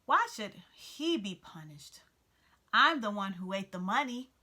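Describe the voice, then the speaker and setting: A woman voicing a gentle, honest young male cricket who talks in a mild, resigned, sighing way, reading a storybook aloud. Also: medium pitch, very animated, unhurried, heavily acted. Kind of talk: storybook read-aloud character voice.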